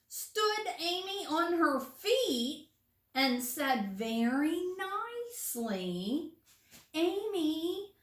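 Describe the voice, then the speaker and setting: A woman teacher reading a picture book aloud to young children, animated, with hushed asides to her listeners. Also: fairly high pitch. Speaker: first grade teacher. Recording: roomy room, distant mic.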